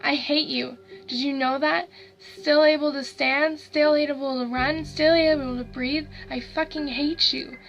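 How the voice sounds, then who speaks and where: A woman voicing a dead young boy who talks in a hushed voice, bitter and growling with hatred. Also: sits high, level tone, moderate pace, creaky, soft background music, poor audio. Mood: hateful.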